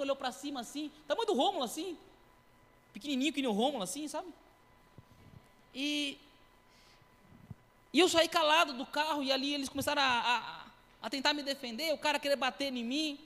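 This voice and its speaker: A man in his thirties giving a sermon testimony, telling his story in a lively way with acted-out quotes and sound effects. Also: very high-pitched, long reverb tail. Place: church.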